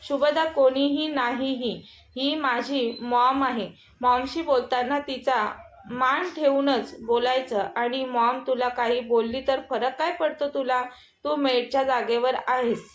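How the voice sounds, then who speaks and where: A woman's voice: sits high, fairly even intonation, measured pace, reverberant. A woman voicing a hot-tempered young husband. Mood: angry. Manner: angry, commanding.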